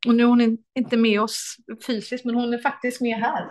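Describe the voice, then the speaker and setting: A woman's voice: fairly high pitch, level tone, a little mellow. A woman, an author and lecturer, talking enthusiastically as an interview guest, with many hesitations.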